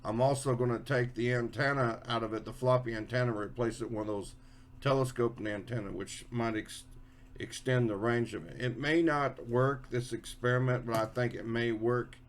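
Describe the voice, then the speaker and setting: Hosting a hobby video, a man gives a casual, unscripted hands-on explanation, halting as he goes and often repeating or rephrasing himself. His voice is medium-pitched with a steady tone.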